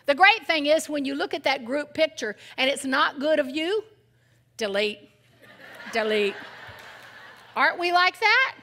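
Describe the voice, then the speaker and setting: An older woman giving an animated, humorous sermon as guest speaker at a women's event. She swings from loud exclamations to hushed near-whispers and often asks the audience questions. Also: high-pitched, moderate pace, few pauses.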